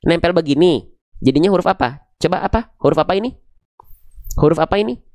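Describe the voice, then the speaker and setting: A man's voice: a little high, animated, fairly quick, darkish tone, dry recording. A man teaching letters and tajwid. He asks questions and answers them himself in a coaxing, playful way. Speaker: Quran reading teacher. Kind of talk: lively tajwid lesson.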